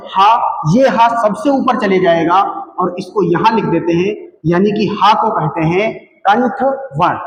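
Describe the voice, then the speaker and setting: Male tutor giving a lecture, raised pitch, poses questions and answers them, recorded in a reverberant room. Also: slight background noise. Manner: asks questions and answers them himself, counts aloud slowly. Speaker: Hindi teacher. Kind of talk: classroom lecture. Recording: echoey hall reverb.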